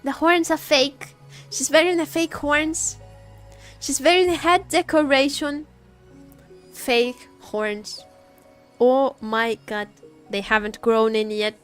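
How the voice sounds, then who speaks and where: Speaking slowly and pausing often, this woman has a high-pitched, steady, slightly bright voice. She streams a game and gives her chat casual, playful commentary full of repeated words and phrases, with faint game music behind her.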